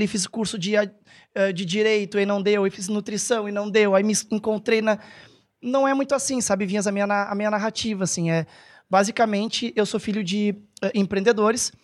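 A man speaks as a podcast guest. His talk is casual and meandering, often pausing to search for a word and correct himself. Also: sits high. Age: 30s. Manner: rambling, hesitant, self-correcting. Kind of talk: casual chat.

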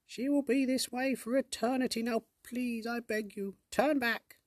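A man's voice: fairly even intonation, measured pace, no echo, studio quality. A man doing a tiny fretful fairy sprite. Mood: pleading. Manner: high, pleading and fearful.

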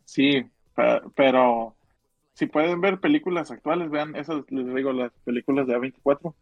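A man's voice: mid-range voice, normal speed, muffled recording. A man with a northern Mexican accent chatting casually in slang as a podcast co-host, rambling and repeating his phrases. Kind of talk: casual slangy chat about films and music.

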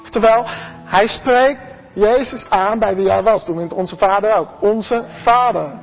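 An earnest preacher delivers a sermon straight to the listeners, at an everyday middle pitch, often doubling back on a word before pushing on. The recording is slightly muffled and lacks sparkle. Quiet music sits faintly in the background. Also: a little slow, in a large hall. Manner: earnest, addresses the congregation directly, acts out quoted voices; repeats and restarts words.

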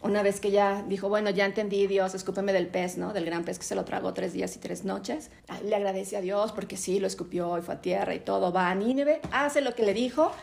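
A Mexican woman teaches a Bible class in an animated storytelling manner. Her voice has a gravelly fry running through it, and her pitch sits in the middle range for a woman. She tags her sentences with questions to her listeners. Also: brisk, hardly any pauses.

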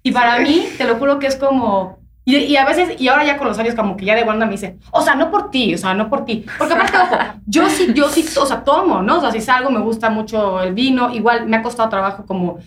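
A woman's voice: on the high side, lively intonation, quick pace, hardly any pauses, slight background noise. A woman with a Mexican accent, chatting and telling personal stories as a podcast host. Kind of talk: casual chat.

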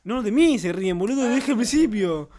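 A man's voice: sits high, expressive, fairly quick, warm tone. A young man with an Argentine accent, co-hosting a podcast and joking, acting out little stories. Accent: Argentine Spanish. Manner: joking, storytelling with put-on voices. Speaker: podcast co-host. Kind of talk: casual chat.

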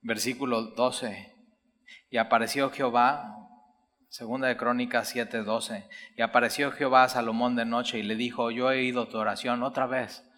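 A man's voice: mid-range voice, flat delivery, moderate pace, bright, forceful tone. A man preaching a sermon, reading Bible verses aloud and explaining them while speaking straight to the listener. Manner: reads scripture aloud then explains, addresses listener directly. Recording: long hall reverb.

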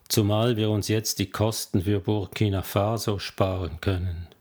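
A man's voice: fairly low pitch, steady tone, a little slow, darkish tone. A man reading an audiobook, voicing a self-assured businessman who talks in a confident, dismissive way. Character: self-assured middle-aged businessman, loyal to friends.

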